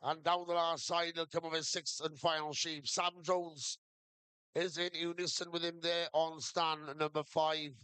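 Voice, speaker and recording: A man's voice: a little high, level tone, unhurried, bright, forceful tone, smooth, dry recording. A man commentating live on a sheep shearing competition, calling the action in short play-by-play phrases. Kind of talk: live sports commentary to a crowd.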